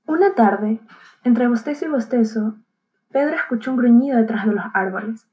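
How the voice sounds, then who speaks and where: A woman narrating a fable as a gentle, calm bedtime story. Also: fairly high pitch, normal speed, rough recording.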